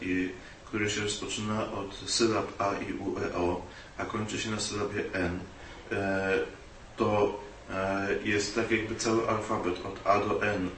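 A man's voice: on the low side, a bit bright. Male interpreter, hesitant delivery, distant mic in a roomy space, faint hiss. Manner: hesitant, many filler sounds. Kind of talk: consecutive interpreting of a dharma talk.

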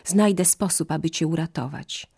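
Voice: medium pitch, normal speed, a little mellow, slightly rough. A narrator voicing a brave, loyal doe from a fable. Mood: pleading. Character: brave loyal female doe, gentle and pleading.

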